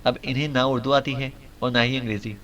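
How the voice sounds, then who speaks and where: A man's voice: mid-range voice, flat delivery, a bit bright, lightly acted. A man voicing a middle-aged father, an official who talks in an amused, good-natured way. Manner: amused, then grave and sorrowful.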